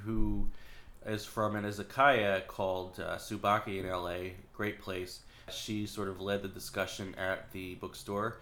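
A man with a low, stuffed-up voice, nose blocked by a cold. He talks casually as a podcast host introducing an episode. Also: bright, forceful tone.

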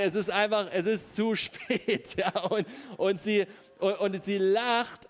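Laughing, casual German preacher man. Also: high voice. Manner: casual, humorous, laughs often. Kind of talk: sermon. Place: church.

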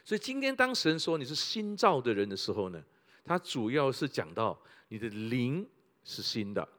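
A pastor preaching a sermon, full of rhetorical questions and repeated phrases. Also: male voice, medium pitch, very animated, moderate pace, a bit bright.

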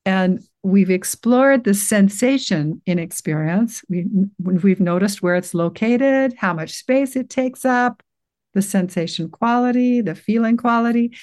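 Woman, older, gentle guide, reassuring, halting speech, unhurried. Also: mid-range voice. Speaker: guest teacher guiding a practice. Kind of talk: guided meditation walkthrough in conversation.

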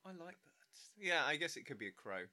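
A man's voice: on the high side, big pitch swings, fairly quick, pushed and bright. A man co-hosting a podcast, talking in casual banter and riffing playfully on absurd ideas, often breaking into laughter. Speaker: podcast co-host.

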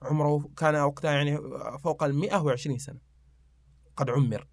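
A man's voice: on the high side, quick pace, dry recording. A man, telling old anecdotes and reciting verse in a casual podcast chat. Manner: animated storyteller reciting poetry, fillers.

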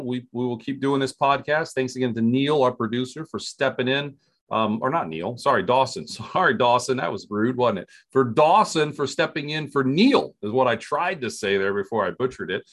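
An American man with a medium-pitched voice chats as a podcast host. He is informal and loose, rambling along in a casual conversational style. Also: animated, moderate pace. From Ohio, United States. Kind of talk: casual chat.

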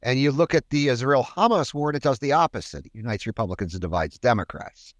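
A man's voice: medium pitch, animated, fast talker, no room sound. A man hosting a policy discussion, talking conversationally with wry asides.

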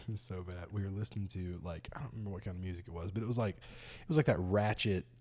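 A man's voice: deep voice, fast, darkish tone. A young man chatting casually with a friend, telling laid-back stories and laughing often. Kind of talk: casual chat.

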